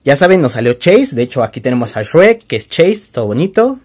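A man's voice: mid-range voice, sing-song, brisk, a little mellow, slightly rough. A man with a Mexican accent hosting his own channel, showing items in a casual, joking, self-deprecating chat. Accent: Mexican Spanish. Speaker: toy-collecting channel host. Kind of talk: casual show-and-tell vlog.

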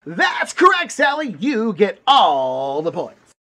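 Guy hosting puppet game show, high voice, swoops up and down a lot, big showman vibe. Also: huge pitch swings, slow pace, pushed and bright. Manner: bombastic showman. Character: orange furry host puppet. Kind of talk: puppet comedy.

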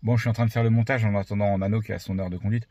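A man from France vlogging in a relaxed, chatty way, full of fillers, filming with a handheld camera near his van. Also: fairly low pitch, very fast, very noisy. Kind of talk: casual vlog chat.

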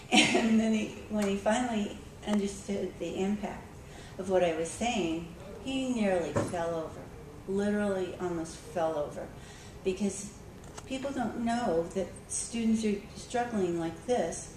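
A woman's voice: mid-range voice, measured pace, few pauses. A woman librarian giving a conversational conference talk, telling a story with frequent ums and restarts. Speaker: school librarian speaking at a conference. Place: conference room. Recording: echoey hall, recorded from far off with background noise.

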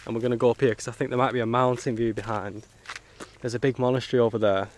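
Man, mid-pitched voice, casual travel vlog chat, matey slang, faint outdoor and motorbike noise. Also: little pitch movement, fast talker. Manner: chummy, colloquial, mild swearing. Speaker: travel vlogger. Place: outdoors on rural roads and temple grounds.

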